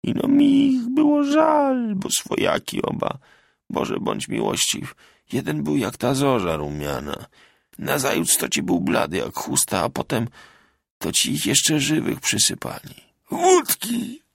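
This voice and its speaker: A man's voice: medium pitch, big pitch swings, takes it slowly, sharp tone, no echo, clean studio sound, pitched above the performer's own voice, heavily acted. A man voicing a drunk, boastful old peasant soldier who talks in rustic dialect with a swagger. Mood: gloomy remorse. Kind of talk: audiobook character voice.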